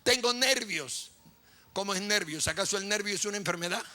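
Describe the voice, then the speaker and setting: Bright-voiced pastor preaching. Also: male voice, sits high, steady tone, very fast. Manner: impassioned, repetitive preaching with vivid storytelling. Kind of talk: sermon.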